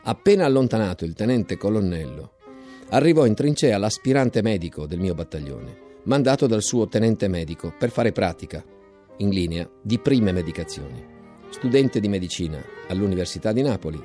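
A man reading a novel aloud in a measured, dramatic storytelling style, recorded in a radio studio. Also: lowish voice, animated, warm tone, soft background music. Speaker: reader of a novel. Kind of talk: scripted literary reading.

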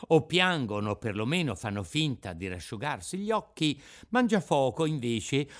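Expressive man reading a storybook aloud. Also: medium pitch. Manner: expressive, rises and falls with the tale. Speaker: narrator. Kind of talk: theatrical audiobook reading.

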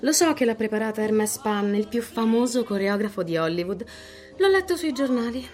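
A woman's voice: on the high side, expressive, normal speed, a little mellow, soft background music, natural voice. An actress playing a cheeky, self-assured fifteen-year-old girl in a radio drama. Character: sharp-tongued fifteen-year-old girl, proud and witty.

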